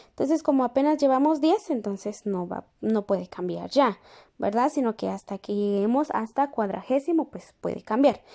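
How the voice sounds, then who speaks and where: A woman teaching a lesson, speaking patiently and pausing to check in with the class. She repeats each word slowly while writing it down. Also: sits high, dark tone. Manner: checks in with the class through questions. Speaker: language teacher.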